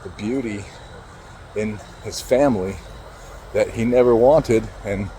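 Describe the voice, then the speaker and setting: Male speaker, low and warm, emotional storytelling with halting restarts, faint street ambience. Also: slight background noise, rough recording. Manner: halting, emotional, swears casually. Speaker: motivational speaker. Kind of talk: personal storytelling.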